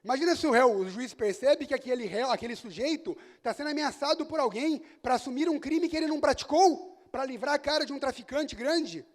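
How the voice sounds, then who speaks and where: A man with a Brazilian Portuguese accent giving a lively conference lecture on law, firing rhetorical questions at the audience and telling jokey stories. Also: extremely high pitch.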